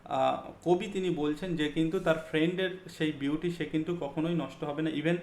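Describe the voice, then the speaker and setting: A man with a slightly high voice teaches a literature lesson for exam students. He explains step by step with frequent fillers, mixes in English terms and stops to ask if it is clear. The room around him rings with echo. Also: fairly even intonation, moderate pace, darkish tone, a little hiss or hum. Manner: explains step by step, checks understanding with questions. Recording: echoey room.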